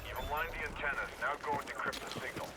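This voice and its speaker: A man's voice: medium pitch, rapid-fire, natural voice. A man voicing a military mission controller in a video game, giving clipped, commanding briefings. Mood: brisk, commanding. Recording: loud game combat noise.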